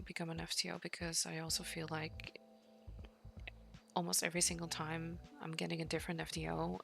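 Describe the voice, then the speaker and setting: A young woman in casual, intimate chat, talking softly and hesitantly, often half-whispering. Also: sits low, gravelly. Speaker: vlogger.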